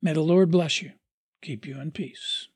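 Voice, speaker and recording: Sermon reading, husky voice, earnest, measured pace, dry close sound. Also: mid-range voice, darkish tone, no room sound. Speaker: podcast host reading a parent's sermon.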